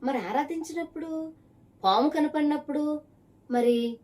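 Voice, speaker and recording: A woman's voice: high-pitched, a little slow, a little mellow, recorded from a distance. Emphatic woman preaching. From Visakhapatnam area, Andhra Pradesh. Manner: emphatic, pointed rhetorical questions to one listener. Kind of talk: preaching testimony.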